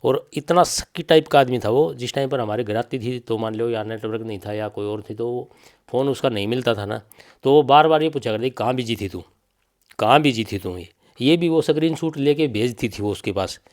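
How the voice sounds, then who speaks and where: Brisk and somewhat dark in tone, a medium-pitched male voice belongs to a bereaved middle-aged father with a Haryanvi accent. In an interview he testifies with insistence, restating points and quoting others.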